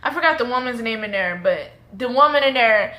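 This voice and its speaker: This Dallas-suburbs vlogger in her 20s has a fairly high, expressive, sharp-toned voice and talks fairly quickly. In her suburban Texas accent, she tells a story to camera in a rambling style, often correcting herself.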